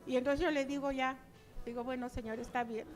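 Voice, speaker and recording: A woman's voice: high voice, steady tone, brisk, soft background music. An older woman giving a chatty personal testimony to her church, acting out remembered dialogue.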